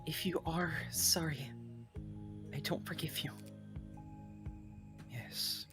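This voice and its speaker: A woman voices a game scene by alternating between two characters, jumping from a plain spoken voice to a breathy, unvoiced whisper. Her voice sits low in pitch. Game music plays clearly behind her. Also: steady tone, slow. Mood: tense. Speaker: streamer voicing game characters. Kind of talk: reading game dialogue aloud.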